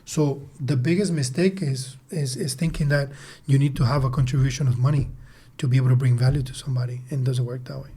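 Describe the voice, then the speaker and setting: A sales team leader and entrepreneur in his thirties talks fast as a podcast guest, his mid-range voice steady, dark in tone and a little breathy. His answers are conversational and emphatic, with words repeated for emphasis.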